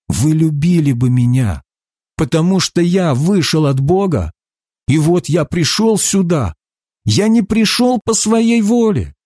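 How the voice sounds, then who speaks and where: A man reading the words of a calm, earnest male teacher in a solemn, emphatic way. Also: fairly high pitch, no room sound, studio quality, pitched above the performer's own voice.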